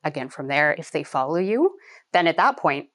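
Woman librarian, interview, calm practical explainer, lowish voice. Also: moderate pace. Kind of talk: interview answers.

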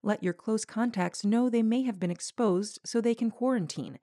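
A woman reads a scripted health announcement. Her voice sits a bit high with a mellow, warm tone, recorded very dry. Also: moderate pace, no room sound. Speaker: public service announcer.

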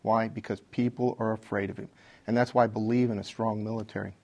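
Blunt middle-aged man, halting delivery. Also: lowish voice, level tone, a little mellow. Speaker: congressional candidate. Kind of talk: unscripted debate statement.

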